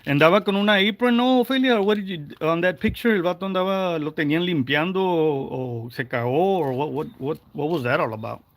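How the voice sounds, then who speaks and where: A man's voice: a little high, quick pace, few pauses, no echo. A man in his forties ranting on a livestream, heated and profane, slipping in Spanish phrases. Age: 40s. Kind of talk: angry livestream rant.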